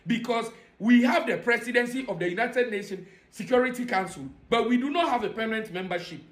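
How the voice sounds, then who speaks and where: A man with a West African accent speaks in a strikingly high-pitched voice. He delivers impassioned political commentary straight to his audience, insistent and emphatic, hammering points through repeated phrases. The sound is echoey, as in a reverberant room. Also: fairly bright tone.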